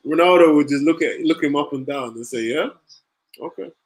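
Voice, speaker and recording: A man hosting a football watch-along stream, teasing his viewers, laughing often and reacting to the play as it happens. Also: on the high side. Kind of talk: casual live-stream chat.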